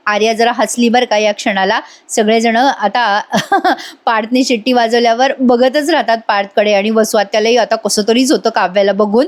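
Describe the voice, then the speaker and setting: A woman reviewer chatting through a TV serial episode recap, talking straight to her viewers and laughing easily. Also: fairly high pitch. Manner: animated, chatty, addresses viewers directly; laughs often while recapping.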